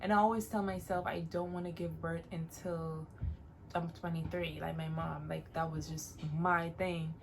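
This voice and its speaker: In a casual advice vlog, a woman in her late twenties who comes from Jamaica talks to her viewers in a relaxed, encouraging manner, leaning on repeated phrases to drive points home. Her somewhat low voice is gravelly and moves at a normal speed, with a faint hiss underneath.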